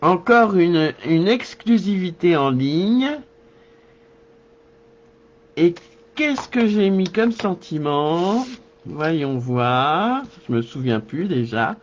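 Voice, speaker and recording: A man leads a live card-making tutorial, talking to his viewers and thinking aloud as he works. His voice sits high and swoops lively up and down, and he speaks very slowly. The recording is slightly dull and lo-fi. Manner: slow, thinking aloud while working.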